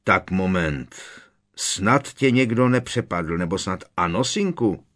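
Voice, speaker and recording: A man voicing a shrill, fussing aunt who coos and frets over her son in a high, frantic voice. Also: sing-song. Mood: fretting.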